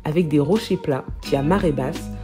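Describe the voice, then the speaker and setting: Woman host, low voice, calm scripted voice-over, clear music underneath. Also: moderate pace. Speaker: vlog host and narrator.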